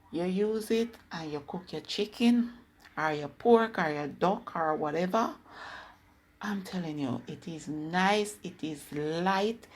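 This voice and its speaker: A woman with a Jamaican accent, casually explaining a recipe on her cooking channel and slipping into patois. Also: fairly low pitch. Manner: chatty, instructive, slips into patois. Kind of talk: casual cooking video narration.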